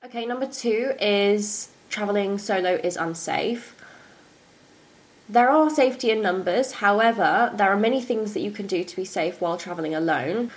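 A woman's voice: mid-range voice, moderate pace, rough recording. A young woman presenting a podcast like an upbeat morning show host, chatty and informal as she explains things. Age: young adult.

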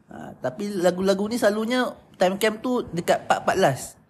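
A man's voice: high voice, moderate pace, slight background noise. A young man chatting casually as a podcast co-host, laughing often and singing bits of songs. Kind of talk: casual chat.

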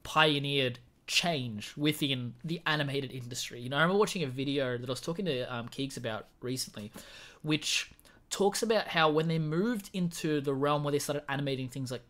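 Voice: medium pitch, a little fast. A guest host on a casual film podcast, giving an enthusiastic, analytical breakdown of a movie's craft. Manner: animated, switches into mimicking characters.

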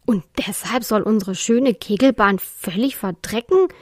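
A woman's voice: mid-range voice, unhurried, dry recording, lightly acted. A fussy, indignant male dinosaur creature from a children's story, grumbling and scolding, voiced by a woman reading aloud. The sound is dry and close, with no room around it. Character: grumpy male S-Rex fussing over his bowling alley.

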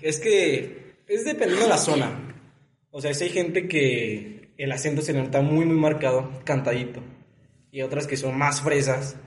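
A man's voice: fairly high pitch, moderate pace, echoey room. Sing-song young man from León. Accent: León, Guanajuato, Mexican Spanish. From León, Guanajuato, Mexico. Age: 20s. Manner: sing-song lilt, shy at first. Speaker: podcast guest. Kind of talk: casual chat.

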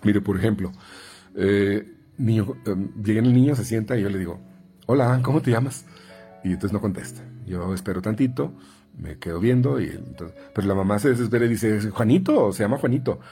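With soft music in the background, a speech therapist with a Mexican Spanish accent walks parents through numbered tips in a loose, conversational style, restarting and using fillers and repeats often. He plays quoted parents and kids in higher voices. His voice is mellow and a little fast.

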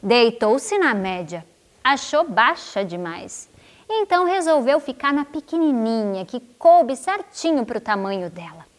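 A woman telling a children's story, expressive and playful, drawn out, with asides to her young listeners. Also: a little high, unhurried.

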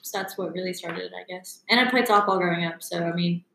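A woman in her twenties answers in short, relaxed sentences. The room echoes noticeably, with a faint noise underneath. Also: fairly low pitch, quick pace, vocal fry. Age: 20s. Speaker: guest. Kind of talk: casual podcast chat.

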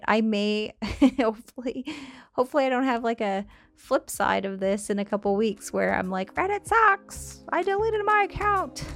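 A woman's voice: medium pitch, vocal fry, darkish tone, dry recording. A woman hosting a solo podcast, chatting candidly, swearing casually and laughing often. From Canada.

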